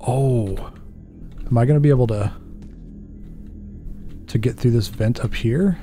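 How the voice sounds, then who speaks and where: Recording at home, this thirty-something gaming YouTuber talks through a let's play casually, musing out loud and posing questions to himself. He speaks at an unhurried pace in a mid-range voice with a dark tone, over quiet background music.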